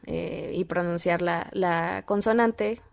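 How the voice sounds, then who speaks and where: A woman, a podcast guest and mother, telling animated stories and acting out quoted dialogue. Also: on the low side, slow pace, gravelly. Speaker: guest, voice-over artist and mother. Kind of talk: casual podcast chat.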